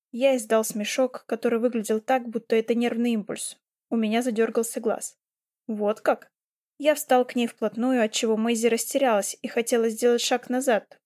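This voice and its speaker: A woman reading a first-person novel aloud in a steady, even way. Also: on the high side, no echo, studio quality. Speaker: audiobook reader.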